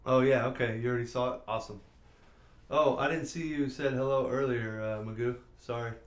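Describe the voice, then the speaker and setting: A man's voice: medium pitch, steady tone, brisk. A middle-aged man chatting casually on a live stream, rambling and answering viewers as he works in a warehouse workshop. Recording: roomy sound, mic at a distance.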